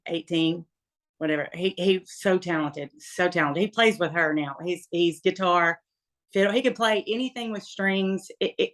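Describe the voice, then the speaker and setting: A woman in her fifties from Tennessee with a Southern accent, chatting as an interview guest and telling stories with laughter. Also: on the low side. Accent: Southern American. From Tennessee, USA. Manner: chatty, laughing, animated storyteller. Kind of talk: casual interview storytelling.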